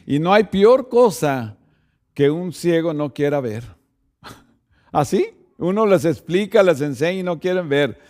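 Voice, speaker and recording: A man's voice: fairly high pitch, expressive, unhurried, a little mellow. A man, a pastor, preaching a sermon and speaking directly to the congregation, often checking in with rhetorical asides.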